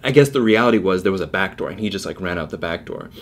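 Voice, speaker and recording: A man's voice: low voice, lively intonation, fast talker. Rambling young man telling a story. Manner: rambling storyteller, many fillers. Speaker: podcast co-host. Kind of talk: casual chat.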